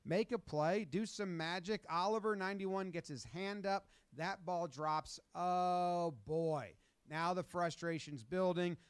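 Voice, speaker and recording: A man giving a wry, quick play-by-play breakdown of game footage. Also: high-pitched, clean tone, no echo. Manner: quick, wry, joking narration. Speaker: sports video narrator.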